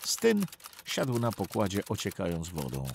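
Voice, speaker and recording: A man's voice: deep voice, huge pitch swings, measured pace, gravelly, slight background noise. A man giving tense, vivid documentary narration of a sea rescue. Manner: tense, vivid storytelling that acts out the shouted orders.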